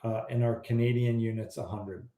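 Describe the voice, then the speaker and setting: A man answers fertility questions on a casual live stream, blunt and animated, sometimes openly exasperated. His voice sounds mellow and a little dark. The room gives it a noticeable echo. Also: mid-range voice, moderate pace. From Iran.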